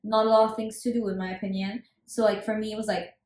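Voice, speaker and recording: A woman's voice: medium pitch, fast, slight background noise. Twenty-year-old woman from Germany, roomy sound. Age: 20s. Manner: relaxed, chatty, many fillers. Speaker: podcast guest. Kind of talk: casual chat. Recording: roomy echo.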